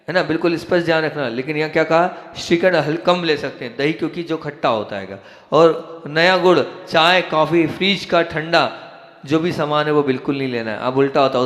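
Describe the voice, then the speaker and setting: A man's voice: a little high, a bit bright. A man giving a devotional talk on seasonal diet, rattling off foods and stressing warnings to his listeners. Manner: rapid list-giving, emphatic warnings. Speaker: spiritual lecturer. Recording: echoey hall recording.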